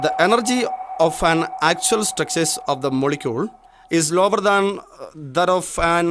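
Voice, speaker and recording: An actor with a Malayali English accent playing an impatient, contemptuous chemistry lecturer who rushes through his lecture in a monotone and snaps at students. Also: a little high, background noise, heavily acted. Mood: lecturing. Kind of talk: short film acting.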